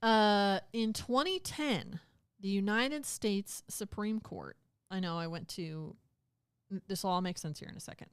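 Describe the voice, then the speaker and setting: A woman's voice: medium pitch, unhurried, smooth, no room sound, clean studio sound. A woman co-hosting a podcast, chatting casually and retelling a legal case in plain words. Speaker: podcast co-host. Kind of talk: casual chat.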